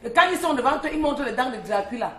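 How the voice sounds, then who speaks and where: A woman's voice: high-pitched, lively intonation, rapid-fire, reverberant. A woman columnist on a morning talk show, telling a street story in a chatty, teasing way. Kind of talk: lively storytelling chat.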